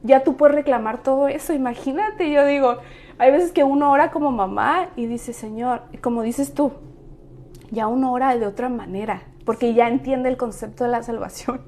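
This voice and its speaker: A middle-aged woman co-hosting a women's ministry talk chats casually about faith and prayer. Her high-pitched, slightly mellow voice moves at a moderate pace, rising in earnest, preacher-like emphasis.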